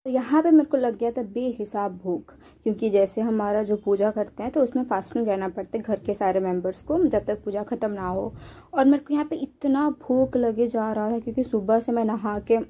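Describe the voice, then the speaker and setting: A woman's voice: on the high side, fairly quick, warm tone, slightly rough. A young woman from western Odisha chatting casually in a village vlog, mixing in English words. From western Odisha, India. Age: young adult. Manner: chatty, mixes in English words, many fillers. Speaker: vlogger. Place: outdoors in a village.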